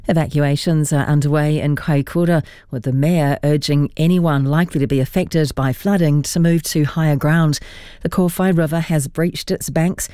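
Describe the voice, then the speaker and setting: A woman's voice: low voice, mellow, dry recording, studio quality. A woman with a New Zealand accent reading a scripted radio news bulletin. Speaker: newsreader.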